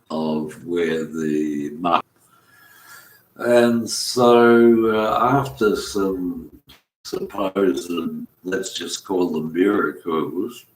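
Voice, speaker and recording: A man, rambling through a spoken monologue, halting often with fillers and restarts. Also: low voice. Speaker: commentator. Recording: echoey room.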